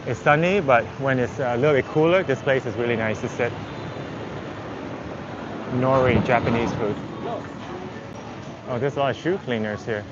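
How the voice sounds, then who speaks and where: Speaking at a normal speed with long pauses, a man with a mid-range voice chats casually in English, rambling and thinking aloud as a walking travel livestreamer might; he's a native Vietnamese speaker. The setting is a busy outdoor city street, with dull audio and loud traffic, vehicles and urban noise behind him.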